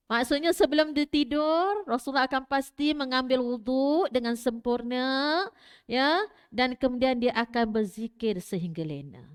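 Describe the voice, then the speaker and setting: A woman's voice: a little high, clean tone. A middle-aged Malaysian woman giving a religious talk to a women's gathering, conversational, often checking in with her listeners. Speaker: religious teacher. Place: prayer hall.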